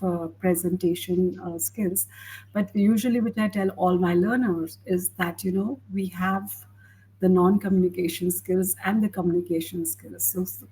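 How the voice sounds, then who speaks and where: A woman English tutor in a conversation, explaining speaking tips to a learner in a measured, advising way. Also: medium pitch, a little mellow, slightly rough, poor audio. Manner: measured, explanatory, gives advice. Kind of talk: teaching conversation.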